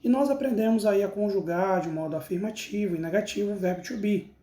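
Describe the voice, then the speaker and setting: Speaking fairly quickly in a mellow, medium-pitched voice, an English teacher with a Brazilian Portuguese accent works through a slow recorded language lesson. Each example is read out and then translated, and the recording has a roomy echo.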